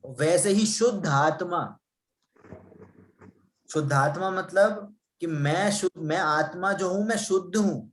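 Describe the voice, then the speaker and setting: A male teacher with a fairly high voice leads a class at an unhurried pace. He keeps putting questions to his students and explains through simple everyday examples. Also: low-quality recording. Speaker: religion teacher. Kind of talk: interactive class lesson.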